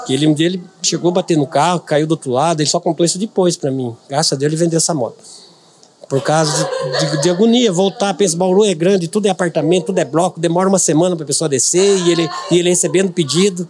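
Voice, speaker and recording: A middle-aged man from Brazil, a podcast guest, telling a personal story earnestly and repeating words for emphasis. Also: on the high side.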